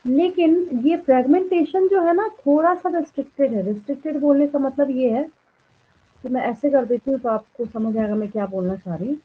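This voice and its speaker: Through tinny, phone-like audio, a high-voiced female biology teacher dictates notes to her class one word at a time, pausing often to make sure her students keep up.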